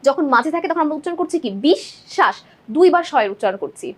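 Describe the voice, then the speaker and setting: A woman's voice: sits high, expressive, rapid-fire. A young woman teacher explaining exam multiple-choice answers step by step, often checking in with her students. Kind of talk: exam-prep lesson walking through multiple-choice answers.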